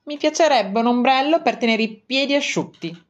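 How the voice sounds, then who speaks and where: A cheerful, quirky female bat from a picture book speaks in a raised, lively voice, as a woman reading aloud puts her on. She states odd things in a bright, matter-of-fact way. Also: high-pitched, moderate pace, voice pushed up.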